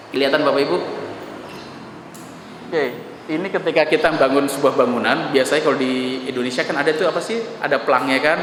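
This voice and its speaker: Male preacher, slightly raised pitch, chatty lively storyteller, long hall reverb. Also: a little hiss or hum. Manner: lively storytelling with casual slang asides. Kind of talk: conversational sermon. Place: mosque hall. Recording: echoey mosque hall with faint ambience.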